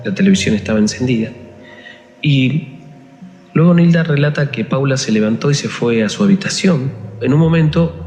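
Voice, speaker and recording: A man narrating a ghost story in slow, deliberate phrases. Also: medium pitch, a little mellow. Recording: echoey room with long reverb and faint music.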